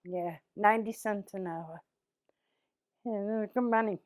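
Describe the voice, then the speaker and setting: Reading test sentences and fielding interview questions, this woman in her seventies from East Boston, Massachusetts, USA speaks at a slow pace and a medium pitch, with a Boston accent. Her manner is plainspoken, her answers short and blunt. There is no room sound.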